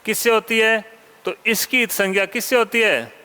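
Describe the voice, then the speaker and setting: A man lectures on Sanskrit grammar in a high, bright, crisply clear voice. He asks questions and answers them himself, and he draws key terms out slowly. The sound has a long, echoing room reverb. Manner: informal asides to students. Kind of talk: classroom lecture.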